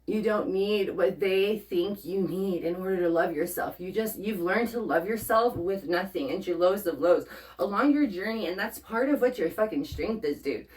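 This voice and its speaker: A woman's voice: medium pitch, moderate pace, darkish tone. A woman giving a casual tarot reading straight to the viewer, blunt and profane, often checking in with "okay?". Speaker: tarot reader. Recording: voice a bit far from the mic.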